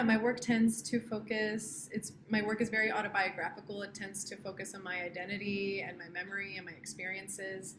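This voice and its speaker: Woman in her 20s from southern Texas, casual earnest artist presenting over a video call, flat delivery, echoey room, noisy background. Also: medium pitch. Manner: casual, earnest, many fillers. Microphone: computer mic on a video call.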